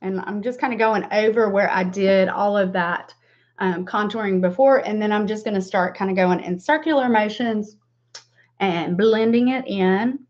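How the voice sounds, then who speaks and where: At a moderate pace and medium pitch, a woman in her forties with a Southern US drawl talks her way through a livestream makeup tutorial. She's a beauty stream host who sells makeup, casual and rambling with self-deprecating remarks, and the webcam audio is dull and lo-fi.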